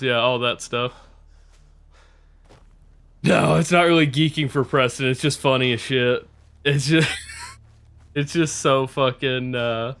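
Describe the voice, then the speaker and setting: Bright, clear-voiced young man streaming. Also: medium pitch. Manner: rambling, profane, laughs often. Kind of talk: casual live-stream chat with viewers.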